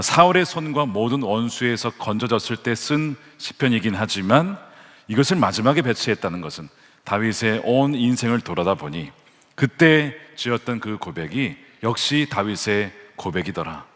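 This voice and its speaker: Male pastor, lowish voice, earnest sermon delivery, long church-hall reverb. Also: lively intonation, normal speed, a bit bright. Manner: earnest preaching, rising to fervent emphasis when quoting scripture. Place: large church sanctuary.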